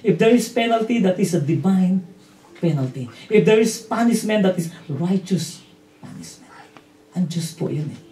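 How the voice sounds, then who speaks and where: Filipino pastor preaching in a roomy hall. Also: male voice, high voice, animated, normal speed, warm tone. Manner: mixes English into Filipino, asks "Amen?" and "no?" often. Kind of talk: sermon. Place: church hall. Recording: roomy hall audio from a distance.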